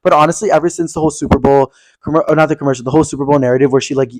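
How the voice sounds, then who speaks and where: A man's voice: fairly high pitch, fairly even intonation, racing, no echo. A young man co-hosting a podcast, chatting in a gossipy way and filling his talk with "like". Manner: gossipy, says "like" constantly. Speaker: podcast co-host. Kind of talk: casual chat.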